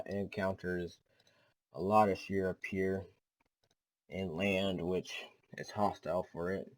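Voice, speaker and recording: A man's voice: deep voice, darkish tone, low-quality recording. A man hosting his own weather channel, walking through a storm forecast casually, hesitant and full of fillers, with a slight stutter. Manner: hesitant, repeats himself, many fillers; self-admitted slight stutter.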